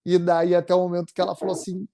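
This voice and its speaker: A man in his forties with a Brazilian Portuguese accent, telling his story as an interview guest in a halting, earnest way with many restarts. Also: sits high, completely flat delivery, vocal fry, dark tone. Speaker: interviewee, immigration client. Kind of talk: emotional conversational storytelling.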